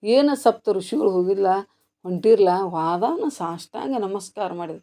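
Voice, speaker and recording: A woman giving a devotional sermon, telling a story and asking her listeners questions she answers herself, sometimes hushed and sometimes loud. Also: medium pitch, expressive, normal speed. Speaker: preacher. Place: ashram gathering.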